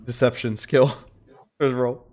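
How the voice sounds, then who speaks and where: A man narrating a tabletop game as game master, in a halting, conversational, improvised way. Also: medium pitch, level tone, a little mellow. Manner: halting, conversational, laughs readily.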